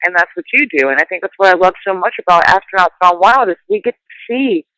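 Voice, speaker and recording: A woman's voice: fairly low pitch, expressive, fast talker, fairly bright tone, no echo, low-quality recording. A woman hosting a casual conversation, talking earnestly and emphatically in long run-on thoughts. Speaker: host.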